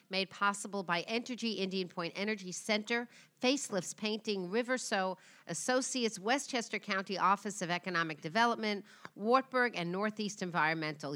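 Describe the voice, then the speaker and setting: A woman with a bright, forceful voice hosts a live radio talk show from a diner. She talks in a chatty, playful way and keeps the conversation moving with her guest. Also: medium pitch. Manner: chatty and playful, quick to laugh.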